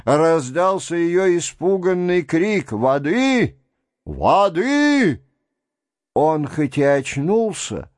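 A man narrating a classic novel in a measured literary reading. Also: a little high, a little mellow, dry recording, clean studio sound. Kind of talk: scripted audiobook narration.

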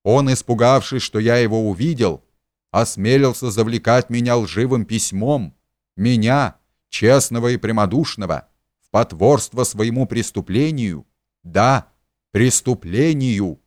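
A man's voice: mid-range voice, a little slow, a little mellow, no echo, studio quality, lightly acted. A man voicing a pompous, hypocritical middle-aged man who preaches and shrieks in indignation. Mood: shrieking.

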